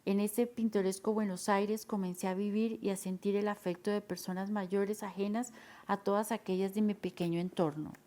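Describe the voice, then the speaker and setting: A woman's voice: medium pitch, fairly even intonation, normal speed, warm tone. A woman reading a literary memoir aloud as an audiobook narrator.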